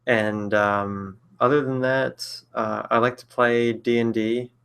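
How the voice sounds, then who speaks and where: A man in his late twenties answers viewer questions on a casual live stream, speaking slowly in a flat, medium-pitched voice that is gravelly yet fairly bright and cleanly recorded. He rambles and hesitates, using lots of fillers and self-corrections, and often chuckles between thoughts.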